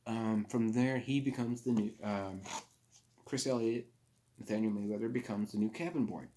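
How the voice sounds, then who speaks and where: Halting, low-voiced man recapping a film. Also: warm tone, a little hiss or hum. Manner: rambling, halting, with frequent fillers and self-corrections. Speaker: movie reviewer. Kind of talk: casual spoken movie review recap.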